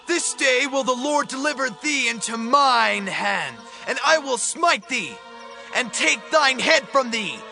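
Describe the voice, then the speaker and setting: Man acting high, impassioned young shepherd hero. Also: creaky, sharp tone, full character voice. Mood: defiant. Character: bold young shepherd hero, earnest and devout. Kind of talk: dramatized scripture acting.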